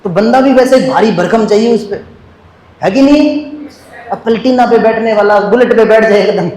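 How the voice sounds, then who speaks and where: Guy teaching a class, high voice, jokes a lot, quizzes the room, echoey with a bit of hiss. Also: normal speed, a little mellow. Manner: joking, asks the class questions and answers them. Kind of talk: lively classroom lecture.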